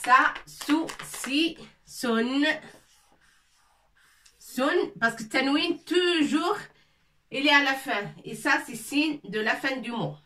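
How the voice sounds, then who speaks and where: A woman teaching a lesson in French, slowly drilling syllables as she writes on a board. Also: sits high, sharp tone. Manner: slow, repetitive, drilling syllables. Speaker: Arabic teacher. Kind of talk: casual classroom lesson, writing on a board. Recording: echoey room, mic at a distance.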